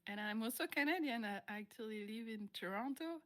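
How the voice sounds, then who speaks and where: A French-born woman whose first language is French, talking in a relaxed, chatty way as an interview guest. Her voice sits a little high, and she laughs easily while hunting for the right English word. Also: a little fast. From France. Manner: chatty, laughs often, searches for English words. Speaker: interviewed musician. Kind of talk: casual interview chat.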